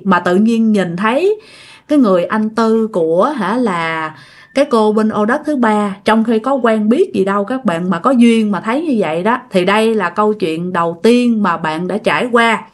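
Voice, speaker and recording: A woman with a Southern Vietnamese accent telling a ghost story in a chatty way. She talks straight to her listeners and repeats words to build suspense. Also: mid-range voice. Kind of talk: casual ghost-story narration.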